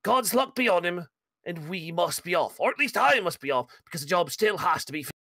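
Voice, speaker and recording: A man's voice: high voice, animated, a little fast, bright, forceful tone, no echo, clean studio sound, heavily acted. A man voicing an earnest, stubborn dwarf fighter in a tabletop game, speaking emphatically and repeating himself like an orator. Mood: resolute.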